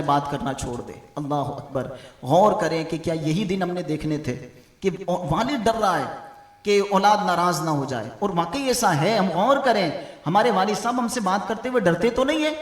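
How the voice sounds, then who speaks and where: High-voiced man preaching in an echoey hall. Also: distant mic. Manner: storytelling, addresses brothers directly. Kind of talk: religious speech at a mehfil.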